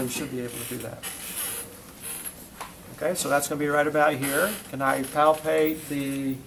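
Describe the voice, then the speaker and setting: A man's voice: medium pitch, creaky. A man teaching a hands-on classroom demonstration, coaching with short repeated commands and quizzing students between steps. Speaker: instructor. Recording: noisy classroom recording.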